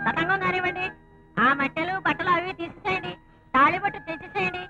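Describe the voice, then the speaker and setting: A woman's voice: very high-pitched, fast talker. An actress playing a bossy, scolding middle-aged woman in a comedy film. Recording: dull old film soundtrack with music.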